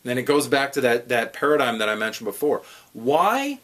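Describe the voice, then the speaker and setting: An American man hosting a trading show, telling a story in a casual monologue, jokey and animated, breaking into laughter. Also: medium pitch, normal speed.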